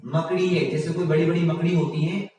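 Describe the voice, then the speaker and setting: A man teaching a general science class online, reading out quiz options slowly and praising his students often. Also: on the high side, fairly even intonation, warm tone, heavy reverb, long reverb tail, distant mic, low-quality recording.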